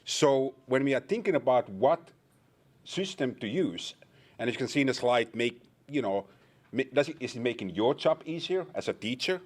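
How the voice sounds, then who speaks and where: Speaking at a moderate pace in an expressive, medium-pitched voice, a conference presenter from Finland, Finnish accent and all, engages a panel audience with dry humor and questions.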